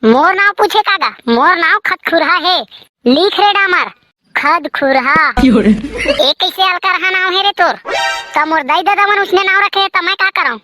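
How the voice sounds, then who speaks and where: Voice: very high voice, lively intonation, normal speed, background noise. A performer with a Chhattisgarhi accent voicing bickering cartoon census takers and villagers, in squabbling, slangy comic dialogue.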